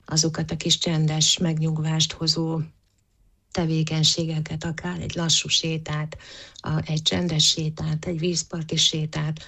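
A woman's voice: deep voice, completely flat delivery, gravelly, fairly bright tone. A woman answering interview questions as a psychologist, thoughtful, with frequent hesitations and restarts. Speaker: psychologist guest.

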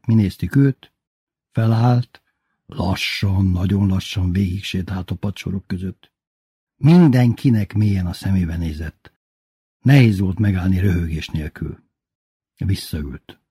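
A man reading a first-person story aloud in a lively, wry way. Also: deep voice, breathy edge, no echo, studio quality.

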